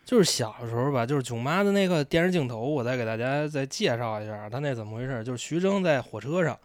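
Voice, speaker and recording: A man's voice: medium pitch, expressive, fast, no room sound. Easygoing man co-hosting. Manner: easygoing, chimes in with quips. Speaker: podcast co-host. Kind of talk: casual chat.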